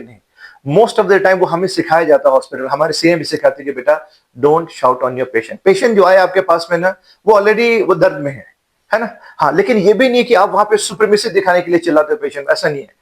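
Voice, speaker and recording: Psychiatrist, 40s, steady mentoring tone, keeps checking in with the listener, voice a bit high. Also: male voice. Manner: calm, mentoring, keeps adding tag questions. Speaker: psychiatrist, interview guest. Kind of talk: advice-giving interview answers.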